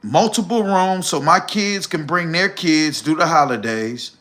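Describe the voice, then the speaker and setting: Speaking unhurriedly in a slightly high, bright and forceful voice, a man in his 40s hosts a casual livestream. He's blunt and preachy, cursing freely and addressing the listener as "bro."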